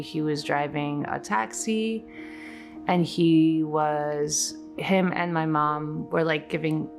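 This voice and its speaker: A woman in her forties from Poland, recalling her childhood casually in a documentary interview, with many fillers. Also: sits low. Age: 40s. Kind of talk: documentary interview, personal recollection.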